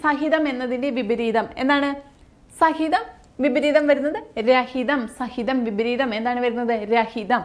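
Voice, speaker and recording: Woman, Malayali accent, fairly high voice; exam-coaching teacher, methodical and repetitive. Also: steady tone, a little slow. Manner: repeats each answer, lifts pitch to announce each new word. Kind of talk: exam-prep grammar lesson.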